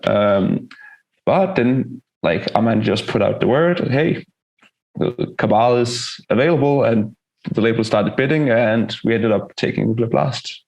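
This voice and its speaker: Gravelly low guy in a band, chill casual interview chat, bit hesitant. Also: normal speed, a little mellow, poor audio. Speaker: touring metal band musician being interviewed.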